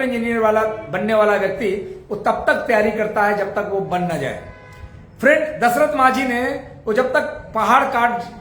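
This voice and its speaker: A man's voice: extremely high pitch, fairly bright tone, reverberant. A man leading a motivational network-marketing training, using rhetorical questions and repeating key points to drive them home. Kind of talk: motivational sales training talk.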